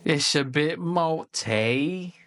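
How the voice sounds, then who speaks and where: A man's voice: on the high side, drawn-out words, heavy background noise. A man hosting a casual beer-tasting review video, talking in a laid-back, profane, slangy way.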